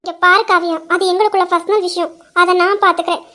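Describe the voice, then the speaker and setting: A young woman telling a dramatized story, speaking in a soft, earnest and protective way. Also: very high-pitched, steady tone, fast. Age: young adult. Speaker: narrator voicing a young wife.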